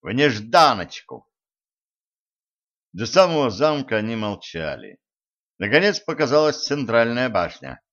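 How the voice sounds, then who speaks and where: Male audiobook narrator, brisk lively storybook reading, dull lo-fi sound. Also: mid-range voice. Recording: dull lo-fi recording.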